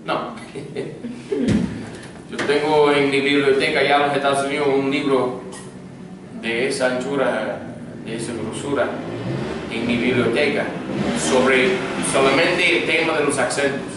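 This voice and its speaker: A man's voice: medium pitch, fairly even intonation, normal speed. A man, a pastor, teaching a grammar class. He is patient, checks that students follow, and has them repeat words after him. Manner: patient, checks understanding, drills repetition. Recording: echoey room, voice from far off, faint noise.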